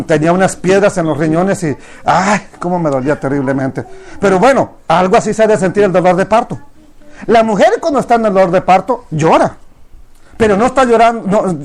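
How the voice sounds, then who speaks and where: A man preaching a sermon to a congregation, emphatic and full of rhetorical questions. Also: high-pitched. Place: church service before a congregation.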